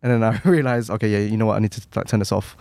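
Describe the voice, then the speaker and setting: A man co-hosting a podcast in casual chat, rambling quickly with many restarts and fillers. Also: fairly low pitch, a little mellow, no echo, studio quality. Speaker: podcast co-host.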